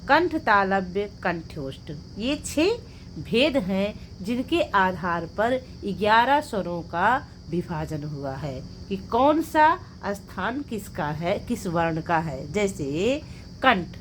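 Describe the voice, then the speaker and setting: A woman's voice: mid-range voice, a bit bright, slight background noise. A woman teaching an exam-prep lecture, asking the class questions and then answering them herself. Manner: drills points with rhetorical questions and repeats the answers.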